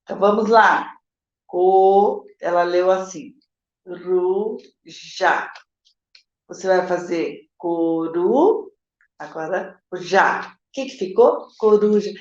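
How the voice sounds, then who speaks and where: Medium in pitch and heard in a reverberant recording lacking highs, this Brazilian Portuguese-accented woman is a literacy teacher in a live session. She responds to viewer questions with explanatory, step-by-step answers, checks in often, and speaks directly to them with "gente" and "tá?".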